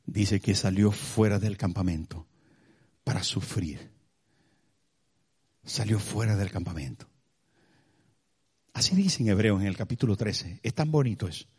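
A man preaching a sermon as a pastor, impassioned, with soaring pitch and drawn-out words. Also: animated, a little mellow, husky. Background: music.

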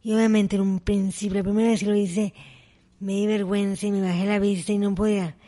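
A woman's voice: mid-range voice, fast. A middle-aged woman, telling personal stories as an interview guest and acting out the dialogue. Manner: animated storyteller, acts out dialogue. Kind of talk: personal storytelling in conversation.

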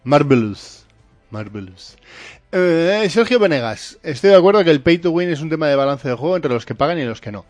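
A man's voice: a little high, lively intonation, fast, few pauses, soft background music. A man who co-hosts a stream, reading viewer comments aloud and chatting casually. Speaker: co-host.

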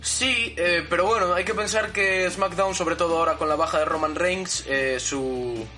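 Bright, high-voiced man hosting wrestling commentary. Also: moderate pace. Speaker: podcast host. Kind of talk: conversational wrestling podcast commentary. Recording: music bed behind the voice. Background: guitar music.

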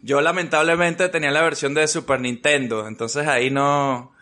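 A man's voice: on the high side, steady tone, normal speed, bright, forceful tone. A middle-aged man hosts a casual podcast interview, chatting freely, repeating himself and often checking with short tag questions. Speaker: podcast host.

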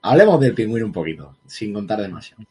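A man's voice: fairly low pitch, sing-song, fast talker, a little mellow, breathy edge. A man co-hosting a casual film review chat, heated and emphatic, swearing freely. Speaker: podcast co-host reviewing a film.

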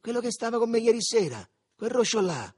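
A man's voice: very high voice, big pitch swings, fairly quick, darkish tone, breathy edge, voice pushed up, exaggerated voice. A man voicing Riccetto, a streetwise Roman teen, swaggering and cursing in a Roman accent. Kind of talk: audiobook character voice.

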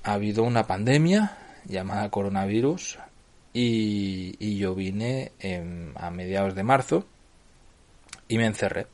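A middle-aged man with a Spanish accent from Spain talks through a solo podcast episode in a relaxed, explanatory way. His voice sits on the low side, and he often pauses to check that his listeners are following. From Barcelona, Spain. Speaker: podcast host.

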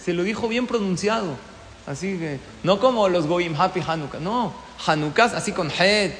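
A man giving a storytelling sermon, an animated teacher who keeps asking his listeners questions. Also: high voice, normal speed, a little hiss or hum. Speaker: religious teacher. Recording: echoey hall with long reverb.

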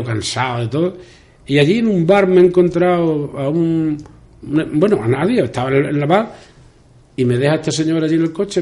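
An older man with an Extremaduran accent tells his story at a local radio interview. His voice is mellow and warm, and he rambles, repeating words and acting out the lines of people he met. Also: on the high side. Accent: Extremaduran Spanish. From Spain. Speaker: interview guest.

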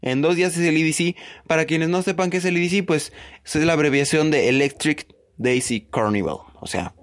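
A man's voice: fairly high pitch, fairly quick. A man with a Mexican Spanish accent in a profane, rambling, mocking comedic monologue.

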